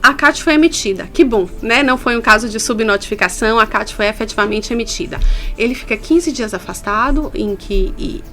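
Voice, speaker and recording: Brazilian woman labor inspector on studio radio, earnest explainer, kinda high voice. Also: brisk, pushed and bright, faint music behind. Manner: explanatory, earnest, stresses key points. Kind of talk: radio interview.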